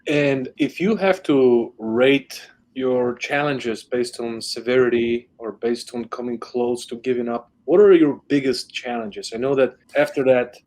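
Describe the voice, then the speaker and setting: A man hosting a podcast interview, asking questions and reflecting warmly on his guest's answers. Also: medium pitch, measured pace, hardly any pauses. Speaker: podcast host. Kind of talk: interview conversation.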